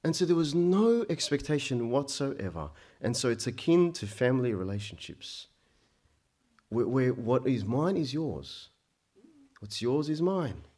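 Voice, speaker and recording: A man born in Egypt preaches with mid-range pitch and emphatic swells that rise high and loud, then fall to quiet, low lines. He stumbles over the starts of his sentences as he pushes his point. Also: big pitch swings, a little slow. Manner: frequent stammered restarts. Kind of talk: sermon.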